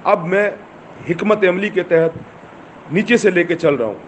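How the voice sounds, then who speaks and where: Fervent Pakistani man, slightly high voice. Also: slight background noise. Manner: fervent, repetitive rhetorical questions. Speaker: movement chairman. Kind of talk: impassioned political speech. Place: in a car while driving.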